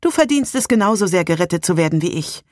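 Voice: medium pitch, big pitch swings, fast talker, no echo, clean studio sound, lightly acted. A reader voicing an anxious, caring young woman in a German audiobook, speaking earnestly and pleadingly. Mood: insistent. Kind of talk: audiobook character voice.

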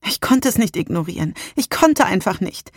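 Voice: medium pitch, very animated, moderate pace, breathy edge, no room sound, studio quality, pitched above the performer's own voice. A reader voicing an anxious, caring young woman in a German audiobook, speaking earnestly and pleadingly. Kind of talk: audiobook character voice.

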